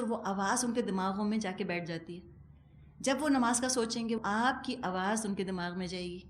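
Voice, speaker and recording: A middle-aged woman giving a religious lecture as a Quran teacher, conversational and animated, with wry humor and acted-out asides. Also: a little high. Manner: animated, acts out quoted speech.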